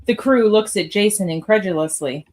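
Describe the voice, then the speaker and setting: A woman's voice: mid-range voice, moderate pace. A woman narrating a radio theatre piece, reading scripted stage directions.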